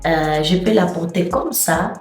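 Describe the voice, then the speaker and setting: A woman's voice: fairly low pitch, faint music behind. Woman vlogger from Angola, chatty with many fillers; distant mic in an echoey room. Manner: unhurried, chatty, with frequent hesitant fillers. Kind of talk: casual unboxing chat to camera.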